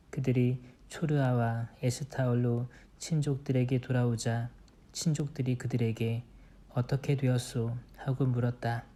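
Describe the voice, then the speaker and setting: Man reading scripture in a dark, flat voice. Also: mid-range voice. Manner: steady, measured reading.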